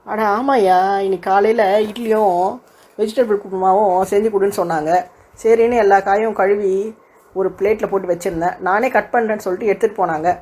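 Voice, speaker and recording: Woman doing a gentle young housewife in a cartoon, kinda husky voice, talks fast but polite and soothing. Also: medium pitch, steady tone, lightly acted. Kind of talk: cartoon voice acting.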